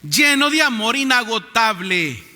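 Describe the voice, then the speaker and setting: A man preaching a sermon as pastor, calling out to his congregation to repeat words, swinging from loud proclamations to quiet low lines. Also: very animated, a little slow. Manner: preaching with call-and-response to the congregation. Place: church sanctuary. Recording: church hall reverb.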